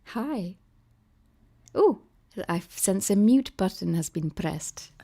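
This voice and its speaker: A woman's voice: mid-range voice, lively intonation, takes it slowly. A woman hosting a live stream from home over a video call, chatting casually and laughing often. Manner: giggly, warm-toned chatter with frequent laughs. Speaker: host.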